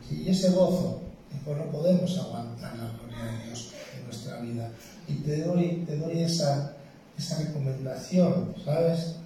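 Spanish preacher in an echoey church hall. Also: male voice, a little high, a little slow, a little hiss or hum. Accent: Spain Spanish. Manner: earnest, emphatic, swings between loud and hushed. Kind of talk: sermon. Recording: very roomy church hall from a distance.

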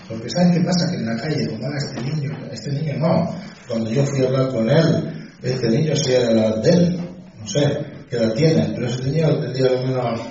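Pastor preaching in an echoey hall. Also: male voice, medium pitch, background noise. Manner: conversational, frequent "¿sí?" and "¿sabes?" asides. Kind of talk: sermon with personal anecdote. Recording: dull distant echoey church hall.

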